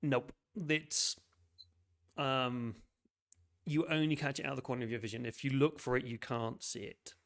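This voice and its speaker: Game master, male, gravelly, matter-of-fact scene setter. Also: medium pitch, steady tone, normal speed, a bit bright. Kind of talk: narrating a tabletop game.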